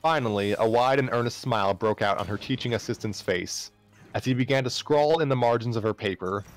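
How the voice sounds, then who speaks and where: A man with a medium-pitched voice reads a story aloud live at a fairly quick clip, now and then stumbling and going back over phrases. Music plays behind him.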